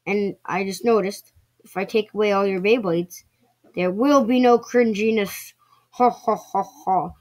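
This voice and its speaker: A woman's voice: mid-range voice, darkish tone, close to an everyday voice. A woman voicing a boastful, evil male Christmas monster who cackles and gloats in a playful home-video skit. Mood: smug. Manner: cackling, gloating, drawn-out threats.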